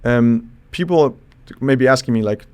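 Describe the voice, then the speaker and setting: A man from Iceland, a psychologist guest on a podcast, explaining in a thoughtful, halting way with frequent restarts. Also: mid-range voice, darkish tone, clean tone. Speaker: psychologist and charisma expert guest. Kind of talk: casual podcast interview.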